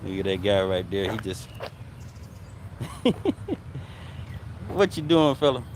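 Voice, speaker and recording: A man vlogging outdoors with his voice muffled by a face mask, chatting in a relaxed, rambling way and often correcting himself. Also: deep voice, slow pace, background noise. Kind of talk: casual walking vlog chat. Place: outdoors on city streets and in a park.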